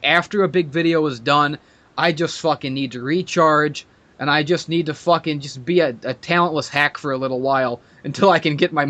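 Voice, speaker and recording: A man's voice: a little high, fairly bright tone. A man hosting a podcast, ranting in a profane, sarcastic and mock-arrogant way in casual chat. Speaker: podcast host.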